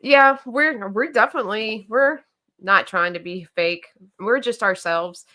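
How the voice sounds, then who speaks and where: A woman's voice: mid-range voice, measured pace, bright, forceful tone. A woman with a Southern accent, co-hosting a casual livestream and chatting about viewer comments with plenty of fillers and restarts. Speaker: co-host of a knife company livestream.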